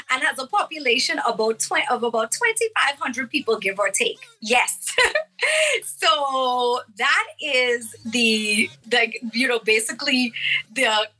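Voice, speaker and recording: A woman's voice: a little high, takes it slowly, pushed and bright, poor audio. A Bahamian woman in her thirties, a singer chatting as a guest in an interview and laughing often. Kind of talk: casual interview.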